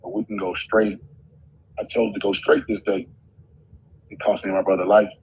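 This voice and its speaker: Middle-aged man, low-pitched, raw emotional storyteller, swears a lot; muffled audio with faint noise behind. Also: little pitch movement, normal speed, a little mellow. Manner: intense, emotional, heavy swearing. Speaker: guest telling a personal story.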